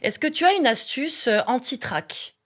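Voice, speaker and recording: A woman interviewing a guest, asking playful questions with quick reactions. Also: high-pitched, lively intonation, fairly bright tone.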